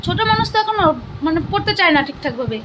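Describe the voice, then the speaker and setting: Very high-pitched young woman. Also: rapid-fire, background noise. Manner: coaxing, animated questioning. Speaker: vlogger and mother. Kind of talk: casual home vlog quizzing her child.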